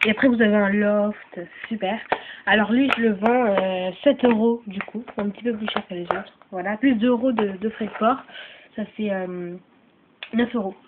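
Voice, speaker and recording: With a mid-range voice and steady tone, a coughing woman with a cold rambles through her used items for sale in a chatty channel video. She pauses often, apologizes, and keeps saying "euh" and "voilà." The audio is tinny and lo-fi, with faint noise.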